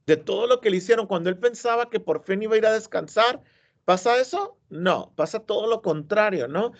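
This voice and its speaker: Male teacher lecturing a class on a story, keeps asking students questions, muffled classroom recording. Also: high voice. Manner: explanatory, asks the class check questions. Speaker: high school literature teacher.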